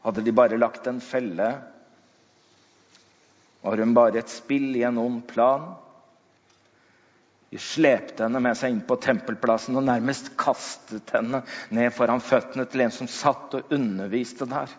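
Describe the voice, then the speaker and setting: A man preaching in a dramatic storytelling style, slowing down and dropping low for emphasis. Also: fairly even intonation. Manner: slows down and drops low for emphasis. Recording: dull sound in a long-echo hall.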